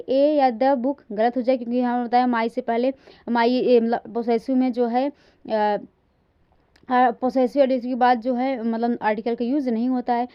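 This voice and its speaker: A woman teaching an English grammar lesson in a classroom lecture style. She reads example sentences slowly, stresses each word, and often checks in with her listeners. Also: fairly high pitch, clear, resonant tone, lo-fi sound.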